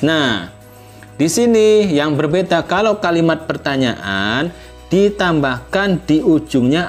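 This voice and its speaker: Male language teacher, unhurried delivery, rather high voice; patient and repetitive, demonstrates sentences with a strong rising end. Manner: patient, repetitive, checks in with "ya" constantly; models example sentences with exaggerated rising intonation. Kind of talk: explanatory lesson.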